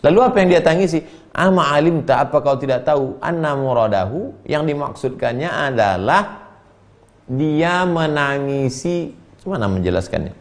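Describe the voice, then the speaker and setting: A man preaching and teaching from a classical text. He reads Arabic phrases, explains them slowly and acts out the people in his stories with sudden high-pitched voices. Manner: animated storyteller, voicing characters with sharp pitch jumps.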